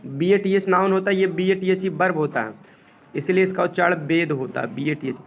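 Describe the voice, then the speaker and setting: A male English teacher explaining grammar step by step, asking the class questions and dictating English sentences slowly. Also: sits high, gravelly, faint music behind. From India. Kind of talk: classroom lesson.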